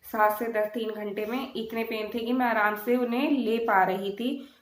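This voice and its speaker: A woman's voice: on the high side, steady tone, moderate pace, reverberant. A young woman vlogger telling her own birth story, retelling it vividly and acting out her own pleading. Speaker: mom vlogger. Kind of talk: personal birth story vlog.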